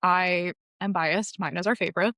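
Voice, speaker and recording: A woman's voice: lowish voice, fairly even intonation, normal speed, pushed and bright, no room sound, clean studio sound. A woman guest on a podcast, explaining her tour company in long, enthusiastic, informative answers. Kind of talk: podcast interview.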